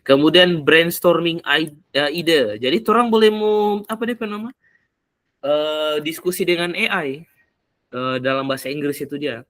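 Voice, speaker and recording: A man explaining in casual talk, often pausing to search for words. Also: on the high side, a bit bright, dry recording. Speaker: speaker explaining AI tools for learning English.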